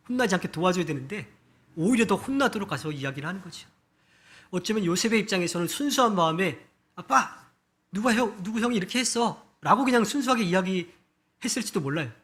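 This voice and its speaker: Bright-voiced male pastor preaching. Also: sits high. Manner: storytelling with shifts of loudness and pace. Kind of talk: sermon. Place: church hall.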